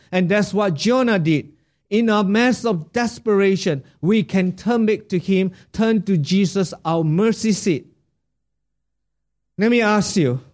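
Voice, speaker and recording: A male pastor preaching a sermon with a fairly high voice. He takes his time over every phrase, leaving room between thoughts, and puts rhetorical questions to the congregation. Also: a little mellow.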